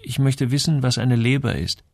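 A man voicing an earnest, quick-tempered young sailor visiting home, in an audiobook. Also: medium pitch, a little mellow, no echo, studio quality, voice pushed up, lightly acted. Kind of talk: audiobook character voice.

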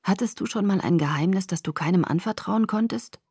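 A woman voicing a hoarse, hot-tempered young man in an audiobook, torn by a secret he cannot share, pleading in an urgent half-whisper. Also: medium pitch, brisk, a little mellow, dry recording, studio quality. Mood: earnest. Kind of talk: audiobook character voice.

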